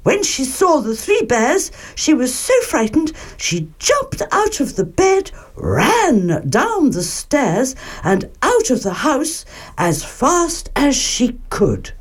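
Woman storyteller, slow and very expressive, reading a children's tale. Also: high voice. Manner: slow, expressive, clearly paced.

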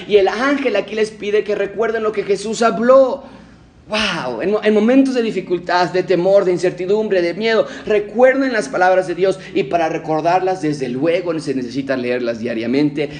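Higher-voiced male pastor preaching emphatically. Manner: emphatic preaching, swings between raised declarations and hushed low passages. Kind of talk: sermon.

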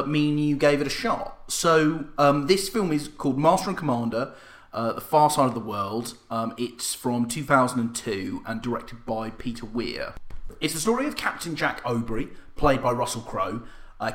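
A man's voice: medium pitch, animated, normal speed. A man hosting a casual film podcast, talking with dry, self-mocking humor. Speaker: podcast host. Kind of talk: casual film review chat. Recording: echoey room.

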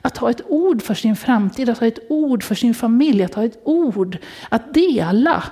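A woman's voice: a little high, lively intonation, warm tone, slightly rough. A woman preaching a conversational sermon in church, often putting questions to the congregation.

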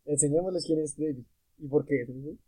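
Young guy, kinda high voice, hosts a podcast, swears nonstop, animated storyteller. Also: normal speed, no room sound, low-quality recording. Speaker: podcast host. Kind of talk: casual podcast chat.

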